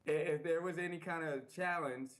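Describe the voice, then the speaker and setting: A man's voice: on the high side, fairly even intonation, moderate pace, a bit bright, poor audio. A man being interviewed as a guest, speaking earnestly and emphatically, repeating his phrases.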